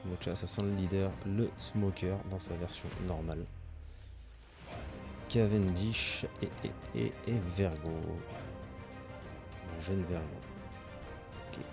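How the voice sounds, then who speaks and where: Low-voiced man gushing over card pulls. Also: steady tone, slow, long pauses, over music. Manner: lists card names, gushes with delight. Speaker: trading card channel host. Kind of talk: casual card-opening commentary.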